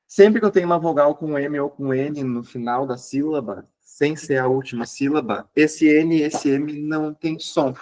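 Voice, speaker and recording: A male teacher, giving an exam review lesson and checking in with listeners as he explains. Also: a little high. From southern Brazil.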